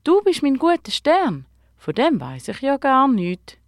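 Casting: a bright, curious young girl with a lilt, lively and higher voiced, as a woman puts her on. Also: moderate pace, no echo, studio quality, lightly acted. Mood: astonished.

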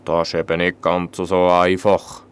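A man voicing a big, grumpy but meek dragon in a deep, slow, plaintive voice. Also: completely flat delivery, clear, resonant tone. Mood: grumbling.

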